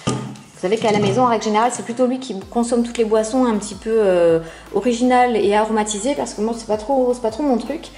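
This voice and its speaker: A woman's voice: on the high side, fast talker, warm tone, a little hiss or hum. A woman casually reviewing products from a subscription box, chatting with many hesitant fillers. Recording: roomy echo.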